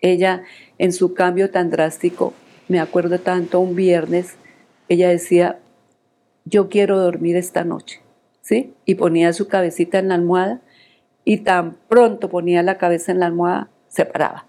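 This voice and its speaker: A woman's voice: lowish voice, level tone, moderate pace, mellow. An older woman giving an earnest, emotional testimony of faith in an interview.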